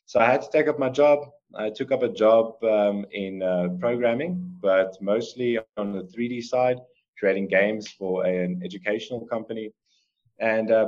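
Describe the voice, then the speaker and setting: Speaking with an Afrikaans accent, this South African man answers casual interview questions as a guest artist and coder. His voice is lowish and darkish, and he rambles earnestly, full of fillers and restarts. He's on a muffled video call from a room at home, picked up by a laptop or webcam mic.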